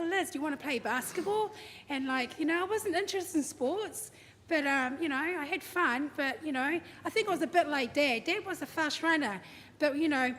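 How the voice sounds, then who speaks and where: High-voiced New woman sharing a eulogy. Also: a bit bright. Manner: chatty, humorous storytelling, acts out quotes. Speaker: daughter giving a eulogy. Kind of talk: eulogy at a family service. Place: large hall at a memorial service. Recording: echoey hall, faint background noise.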